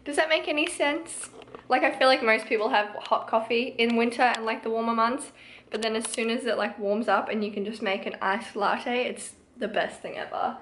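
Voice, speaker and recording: A woman's voice: fairly high pitch, normal speed, a bit bright, a little hiss or hum, low-quality recording. A young woman with a New Zealand accent, chatting casually to her camera in her home kitchen, upbeat and rambling with lots of "like". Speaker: fitness vlogger. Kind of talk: casual vlog chat.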